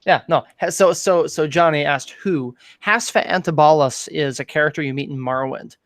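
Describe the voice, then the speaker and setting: A man with a fairly high voice hosts a loose chat over a video call. He rambles, restarts and fills gaps with ums. The sound is very dry and close. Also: moderate pace, no room sound. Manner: rambling, many fillers and restarts. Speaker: podcast host. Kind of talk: casual chat.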